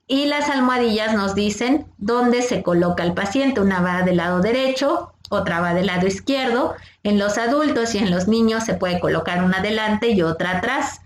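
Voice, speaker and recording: A woman's voice: medium pitch, moderate pace, hardly any pauses, roomy sound. A woman, a first aid instructor patiently teaching a class of young scouts step by step and asking them questions. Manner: patient, explains step by step, asks the kids questions.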